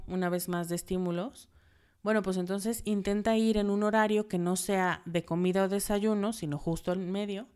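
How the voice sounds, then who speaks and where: A woman's voice: medium pitch, a little mellow, clean tone. A woman with a Mexican accent hosting a podcast, giving direct, conversational advice as a list of numbered tips. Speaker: podcast host.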